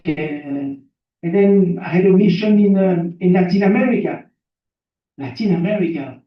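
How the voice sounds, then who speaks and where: A high-pitched man from Belgium, born in Burundi and a native French speaker with a French accent, gives a motivational talk recounting his life story as a seminar guest speaker. He keeps his English simple, repeats phrases for emphasis and asks the audience questions. The recording is muffled, from a distant mic in a very echoey room.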